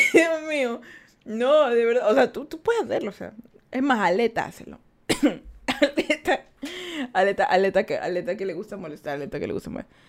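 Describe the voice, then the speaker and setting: A woman's voice: on the high side, expressive, normal speed. Chatty woman in her twenties. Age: 20s. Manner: chatty and teasing, laughs often. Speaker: streamer reading live chat. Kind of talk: casual chat.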